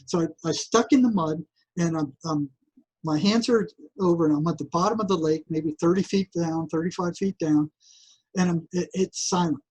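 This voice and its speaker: Husky older man telling a story. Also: fairly high pitch, normal speed, rough recording. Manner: animated, repetitive restarts, acts out voices. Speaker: guest, psychotherapist. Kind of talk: casual interview storytelling.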